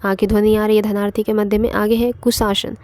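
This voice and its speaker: A woman's voice: mid-range voice, level tone, brisk, darkish tone. A woman teaching an online exam-prep grammar lesson, explaining step by step and repeating points with frequent fillers.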